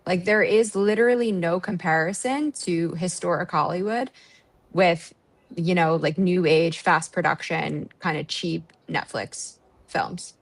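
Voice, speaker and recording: A woman's voice: fairly low pitch, a little slow. A woman in a casual group discussion, speaking emphatically with many fillers.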